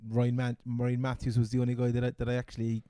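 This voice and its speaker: Irish man with a mellow Cork accent. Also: mid-range voice, completely flat delivery, quick pace, no room sound, clean studio sound. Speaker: fantasy football podcast co-host. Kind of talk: casual sports chat.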